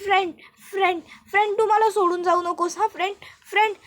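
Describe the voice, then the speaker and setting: A woman's voice: extremely high pitch, steady tone, brisk, pitched above the performer's own voice. A woman voicing a clingy young woman who keeps pleading and repeating herself in a whiny way.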